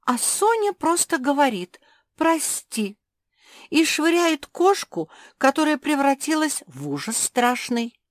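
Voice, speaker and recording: A woman voicing an indignant young female pug dog in a children's audiobook, speaking in a huffy, sharp way. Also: medium pitch, expressive, unhurried, no echo, studio quality, natural voice. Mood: resentful.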